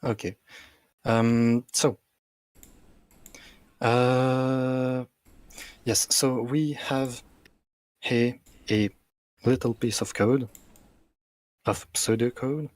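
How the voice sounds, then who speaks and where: A man explaining computer science over a video call that comes through glitchy and warbling. He talks haltingly, with many ums and restarts. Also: mid-range voice, fairly even intonation, no echo. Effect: glitchy, warbling video-call audio. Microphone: computer mic on an online call.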